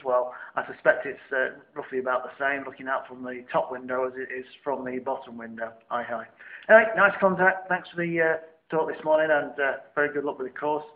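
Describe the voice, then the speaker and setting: A middle-aged Northern English man chatting as a ham radio operator, giving phonetic call signs in a room at home. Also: mid-range voice. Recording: thin lo-fi camera audio, faint hiss.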